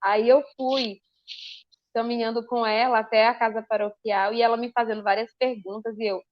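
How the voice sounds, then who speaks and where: High-pitched woman, religious sister, animated storyteller, dry muffled audio. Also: moderate pace, no room sound. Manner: lively storyteller acting out her own past dialogue. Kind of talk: personal testimony in podcast chat.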